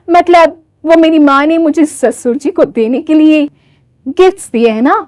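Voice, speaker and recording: Scheming young serpent bride, woman putting her on, high and slow. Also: darkish tone, no room sound.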